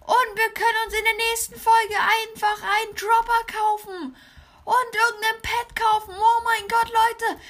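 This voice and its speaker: Brash hyped YouTuber persona, squealing and crisp, a woman's put-on voice. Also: a little slow. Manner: exaggerated high put-on voice; constant excited exclamations. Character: overhyped star YouTuber woman, bragging. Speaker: let's player. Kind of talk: gameplay let's play.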